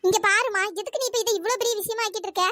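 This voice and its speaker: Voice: very high-pitched, rapid-fire, bright, forceful tone, no echo, studio quality. Someone voicing a firm young cartoon daughter. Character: level-headed young woman, the daughter.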